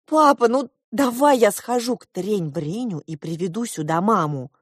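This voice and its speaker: A woman's voice: medium pitch, expressive, husky, no echo, clean studio sound. A woman reading an audiobook, voicing an earnest eleven-year-old girl who asks questions insistently. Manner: insistent, presses questions slowly.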